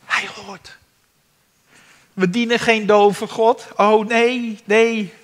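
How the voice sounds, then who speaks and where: High-voiced man preaching in a reverberant hall. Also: little pitch movement, very slow. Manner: dramatic preaching, acting out cries. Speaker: pastor. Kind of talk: sermon. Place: church hall. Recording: long reverb of a church hall.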